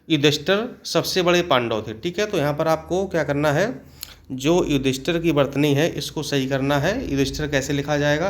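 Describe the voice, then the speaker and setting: A male teacher going through exam questions step by step, often stopping to check in with his students. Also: on the high side. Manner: explains step by step, often adds a checking "okay". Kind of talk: exam-prep lesson.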